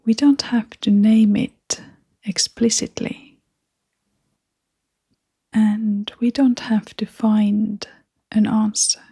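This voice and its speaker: This guided meditation is led by a woman whose mid-range voice is gentle, breathy, whispery and a little creaky, and her delivery stays flat. She speaks in brief phrases and leaves long, unhurried silences. The sound is studio quality with no echo.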